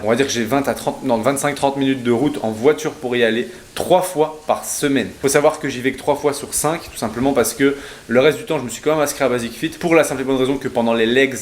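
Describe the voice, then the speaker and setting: A man's voice: mid-range voice, a little hiss or hum. A young man, a fitness coach talking casually to camera in a vlog, explaining as he goes with hesitations and self-corrections. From Belgium. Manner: chatty, explanatory, frequent "euh" fillers and self-corrections.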